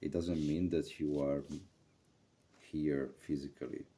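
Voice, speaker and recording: A man's voice: very deep voice, level tone, a little slow, dark tone. A man in a casual chat, earnestly walking through ideas step by step. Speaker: partner explaining Kabbalah.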